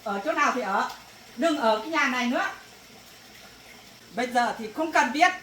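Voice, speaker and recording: Heard from a distance in an echoey recording with faint noise, a woman scolds her daughter as an angry rural mother in a family drama. Her high voice is expressive and moderately paced, punctuated by shouting bursts.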